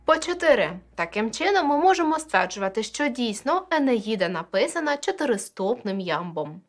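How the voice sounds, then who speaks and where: A woman's voice: fairly high pitch, big pitch swings, moderate pace. A woman teacher explaining poetic meter in a video lesson, addressing viewers directly and counting syllables aloud.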